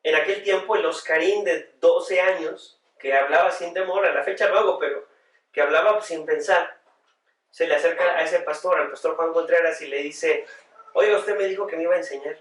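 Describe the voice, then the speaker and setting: A pastor tells his story as a podcast guest, earnest and reflective, with a somewhat high voice for a man. His voice carries a roomy echo and sounds set back from the microphone. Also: steady tone, normal speed, a bit bright. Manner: reflective, earnest, with frequent "este" fillers. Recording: roomy sound, voice far from the mic.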